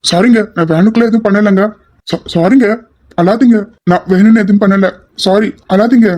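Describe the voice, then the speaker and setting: For a homemade audio drama, a woman drops her voice to play an anxious young man who keeps pleading and apologizing. His tone sits deeper than her usual speech, though the voice stays natural, at normal speed, with a plain, even delivery.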